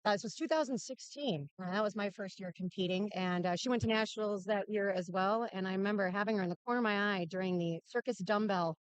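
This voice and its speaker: A woman from Minnesota co-commentates a live strongman event, friendly and upbeat. Her voice is smooth and clear at a middle pitch. The recording is dry and close. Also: fast, hardly any pauses, dry recording. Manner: friendly, upbeat, laughs often.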